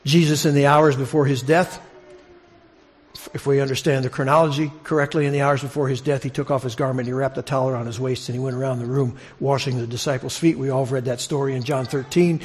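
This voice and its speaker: A fast-talking preacher with a steady, mid-range voice teaches his congregation. His conversational expository sermon poses questions and leans on repeated phrases for emphasis.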